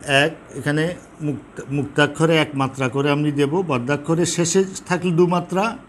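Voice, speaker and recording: Guy teaching poetry meter, fairly high voice, keeps repeating stuff, slight hiss behind. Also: steady tone. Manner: explanatory, repeats key terms, counts syllables slowly. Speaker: Bengali literature teacher. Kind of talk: classroom lesson on poetic meter. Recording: faint background noise.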